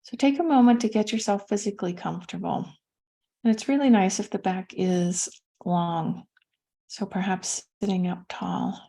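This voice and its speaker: A woman of medium pitch guides listeners through a meditation as a teacher, her words gentle and soothing and separated by pauses.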